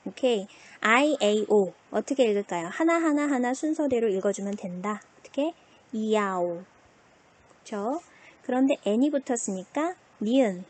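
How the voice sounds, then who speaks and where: A woman teacher records an online lesson. Her voice is fairly high and breathy-husky. She keeps asking her students questions and answers them herself, like a teacher in class. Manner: asks and answers her own questions, lively.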